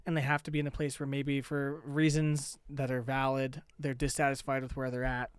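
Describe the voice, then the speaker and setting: A man's voice: medium pitch, monotone, fairly quick, clear, resonant tone, no echo. A man hosting a casual interview, talking thoughtfully and often checking in with "right?". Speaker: podcast host.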